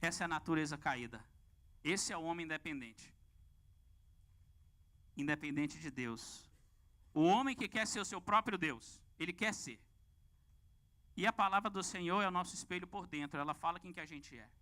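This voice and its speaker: A man with a Brazilian Portuguese accent preaching a lively sermon and asking the congregation questions. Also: a little high, normal speed, long pauses. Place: church.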